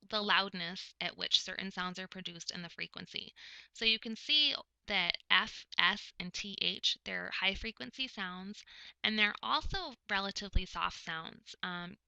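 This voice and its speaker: A woman giving a recorded lecture, explaining topics step by step in a measured way with frequent pauses. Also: mid-range voice, gravelly, sharp tone, no room sound, low-quality recording. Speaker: presenter explaining speech of the hard of hearing.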